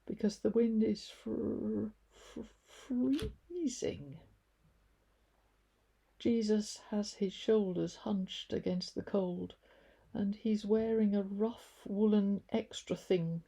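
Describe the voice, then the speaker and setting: A woman reads her own reflective book in a gentle, confiding voice with a wry touch. The delivery is slow, and her tone is dark and mellow, with a husky, gravelly grain. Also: medium pitch. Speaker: author reading her book. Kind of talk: reflective first-person devotional reading.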